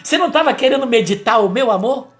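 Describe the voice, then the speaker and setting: A man voicing God as a gentle, patient male voice speaking softly into his ear. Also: lively intonation, fast talker, faint music behind. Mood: tender. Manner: soft and low, intimate.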